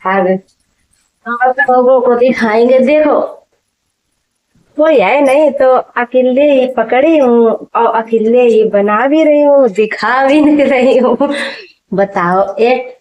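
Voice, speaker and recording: A woman's voice: fairly high pitch, slow pace, a little mellow, lo-fi sound. A middle-aged woman vlogging at home, chatting straight to her viewers while she works, raising her voice over a running machine. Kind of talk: casual how-to vlog.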